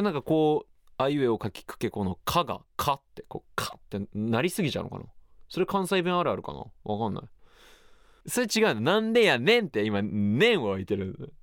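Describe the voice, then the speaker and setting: Hosting his own radio show, a man talks casually on his own, musing aloud in a rambling way. His mid-range voice is sing-song and smooth at a moderate pace, recorded dry with clean studio sound.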